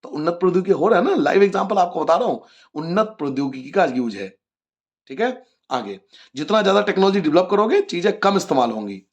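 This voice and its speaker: A male teacher with a slightly raised pitch explains a school geography lesson to his students. He asks his own questions, answers them, and goes back over the key points. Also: sing-song, quick pace, muffled recording. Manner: addresses students as children.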